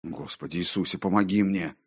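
A man's voice: lowish voice, normal speed, lightly acted. A man voicing a terrified medieval mason who speaks strained, pleading and crying out, in an audiobook. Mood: frightened desperate. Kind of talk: audiobook character voice.

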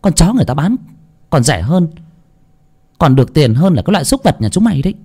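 Storybook: man as a contemptuous, quick-tongued rich wife, sneering. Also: mid-range voice, big pitch swings, dark tone. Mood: scornful. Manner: contemptuous, rapid tirade. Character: cruel, scornful rich wife.

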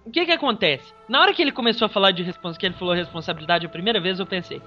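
Co-host, mid pitch, halting and calming, muffled recording. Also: faint music behind. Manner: conciliatory, hesitant, restarts while explaining. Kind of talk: casual film discussion. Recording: dull lo-fi recording.

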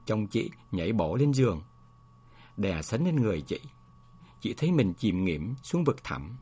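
A man narrating a story aloud in a measured, expressive way. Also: on the low side, breathy edge.

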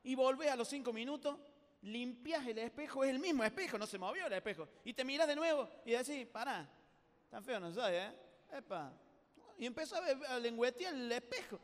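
A man with a Rioplatense Spanish accent giving an animated, humorous youth talk, acting out little scenes as he speaks. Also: very high voice, brisk, long reverb tail. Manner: animated, acts out voices, jokes with the audience.

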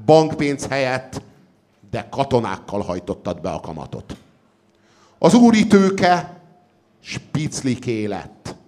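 A man voicing an old male sage who shouts defiantly at an angry crowd, in a loud, high, declaiming voice. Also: very animated, long pauses, lightly acted. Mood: furious, defiant.

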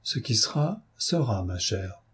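A man reading aloud, voicing a phlegmatic, deadpan old manservant who speaks in calm, sententious sayings. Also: fairly low pitch, measured pace, husky, full character voice. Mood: smug calm.

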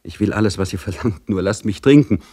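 A man's voice: on the low side, fairly quick, warm tone, natural voice. A man voicing a desperate, exhausted male prisoner who pleads faintly and breathily. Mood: pleading. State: exhausted, parched. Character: parched chained prisoner, male, desperate and weak.

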